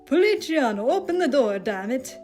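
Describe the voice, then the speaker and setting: A woman reading a fanfic aloud, voicing a grumpy, hot-tempered young man who talks gruffly. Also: a little high, normal speed, a little mellow, soft background music, close to an everyday voice. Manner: gruff, cursing.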